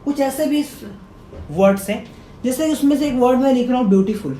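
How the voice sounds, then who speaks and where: A mellow-voiced male teacher runs a grammar lesson, testing his viewers by turning key words into questions and sounding words out slowly. The room is echoey, with a faint rumble underneath.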